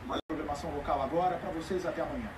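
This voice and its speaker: A man's voice: on the high side, rapid-fire. A man hosting a live TV news program, questioning guests in a pressing, interrogating way. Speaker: TV news host. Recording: distant noisy TV broadcast playback.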